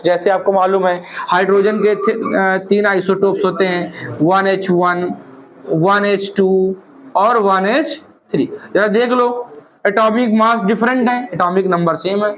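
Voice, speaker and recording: Slow, high-voiced man teaching physics. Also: rough recording. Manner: calls students "beta", asks questions and answers them himself; repeats key terms slowly, mixing English phrases into Hindi. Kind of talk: classroom lecture.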